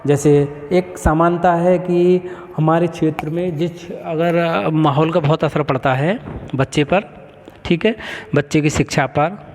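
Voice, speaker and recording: A man teaching a college class, explaining step by step and often pausing to check the class is following. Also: fairly high pitch, darkish tone. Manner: explains with frequent checks of "ठीक है". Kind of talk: classroom lecture. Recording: long hall reverb.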